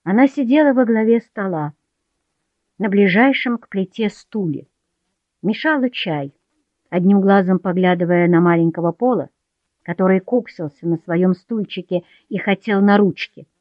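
A woman narrating a novel in an even, measured storytelling voice. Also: mid-range voice, dry recording. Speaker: audiobook narrator. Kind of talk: scripted narration. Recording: dull dry studio recording.

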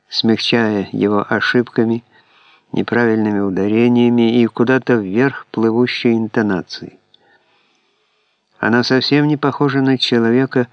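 A man calmly reading an audiobook in a measured, scripted narration. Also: mid-range voice, dry recording. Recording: dull, dry lo-fi MP3 audiobook recording.

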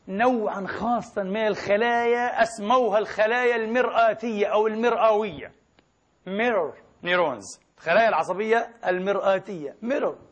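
A high-voiced man, delivering a lively religious lecture. He moves between formal phrasing and everyday colloquial speech, and his words come quickly. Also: muffled recording. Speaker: preacher.

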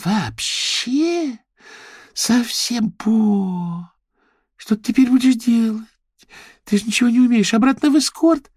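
A man voicing a catty, gossiping young woman in an audiobook, mocking and quick. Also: very high voice, lively intonation, darkish tone, husky, dry recording, studio quality, pitched above the performer's own voice, full character voice. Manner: mocking, gleeful, fast-talking. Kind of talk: audiobook character voice.

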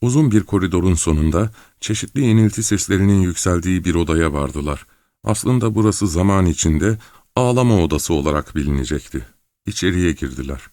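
A man reading a novel aloud as an audiobook narrator, steady and measured. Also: low voice, no room sound. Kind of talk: scripted narration.

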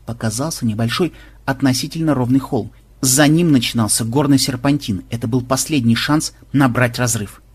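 A man narrating an adventure story in a lively storytelling manner. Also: mid-range voice, moderate pace, slightly rough. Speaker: audiobook narrator. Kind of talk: scripted narration.

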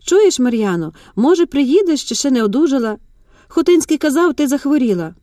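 A woman's voice: high-pitched, brisk, no room sound, studio quality, pitched above the performer's own voice. A woman reading as a chatty cheerful coworker. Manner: lively, teasing.

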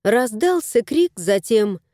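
A woman narrating a storybook in an expressive, lilting reading voice. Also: fairly high pitch, slow pace, dry recording, studio quality.

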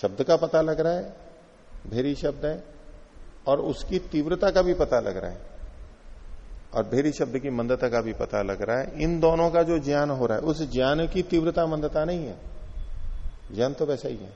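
A man gives a patient philosophy lecture with a gravelly, mellow voice. He works through each point by saying it again in other words and reads out Sanskrit lines slowly. The sound is dull and lo-fi and rings with a long hall reverb. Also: fairly high pitch, expressive. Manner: patient, explains by repeating and rephrasing, quotes Sanskrit slowly. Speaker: teacher of Indian philosophy.

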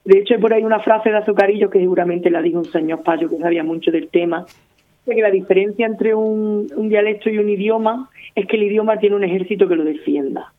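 A woman's voice: medium pitch, fast talker. A woman with an Andalusian accent arguing her point in casual radio talk, laying it out through repeated examples. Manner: argumentative, explains with repeated examples. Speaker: guest running a language-teaching project. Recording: narrow phone-like sound.

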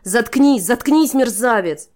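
A woman voicing a fierce fifteen-year-old captive girl who shouts in rage, in an audiobook. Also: medium pitch, moderate pace, voice pushed up, close to an everyday voice. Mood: furious.

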